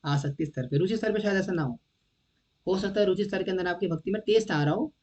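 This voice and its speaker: A man giving a devotional lecture in a conversational way, often checking whether his listeners follow and often clearing his throat. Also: sits high, quick pace, darkish tone. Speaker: devotional teacher.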